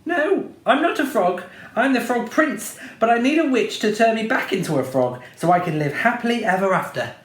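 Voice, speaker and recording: A man reading a storybook aloud, voicing a whiny, flustered young frog prince who talks high and breathlessly. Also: animated, normal speed, a bit bright, echoey room.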